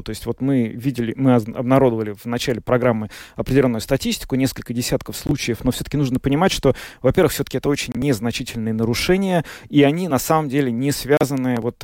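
A man's voice: medium pitch, a little mellow, no room sound. Hesitant male news host in a dry studio. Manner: searching for words, many fillers.

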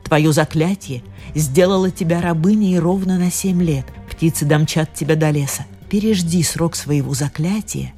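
A woman voicing a kindly, wise fairy giving gentle instructions. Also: deep voice, moderate pace, faint music behind.

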